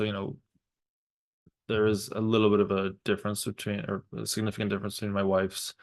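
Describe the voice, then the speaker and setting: A man in his thirties talking thoughtfully about parenting, pausing often and restarting his sentences. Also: fairly low pitch. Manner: thoughtful, halting, many fillers and restarts. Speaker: parent vlogger. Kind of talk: reflective personal talk.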